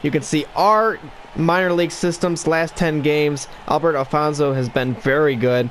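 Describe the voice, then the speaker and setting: A man's voice: a little high, moderate pace, slight background noise. A man calling a baseball video game in broadcaster-style play-by-play while he has the hiccups, recorded in a room at home. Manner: broadcaster-style play-by-play delivery, rising excitement on big plays. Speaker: gaming YouTuber.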